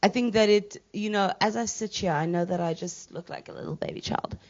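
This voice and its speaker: A woman's voice: mid-range voice, a little fast, a little mellow. Candid woman in her thirties, lo-fi. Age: 30s. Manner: candid, laughs after serious points. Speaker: panel guest artist. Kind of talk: panel discussion answer.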